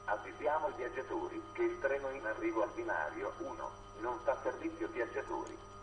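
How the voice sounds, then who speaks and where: A man's train station announcement rings out from a platform loudspeaker, formal and evenly measured. It sounds distant, bouncing around the open station, with loud music playing over it. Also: mid-range voice, big pitch swings. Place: outdoor railway platform. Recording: echoey loudspeaker heard from afar.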